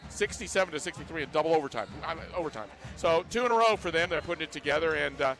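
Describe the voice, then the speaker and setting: A man's voice: on the high side, bright, forceful tone. An American man giving live pre-game basketball commentary as a play-by-play announcer.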